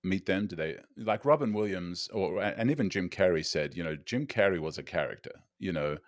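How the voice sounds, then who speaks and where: A man's voice: deep voice, animated, moderate pace, dry recording, clean studio sound. A man interviewing someone casually, asking questions and giving short acknowledgements.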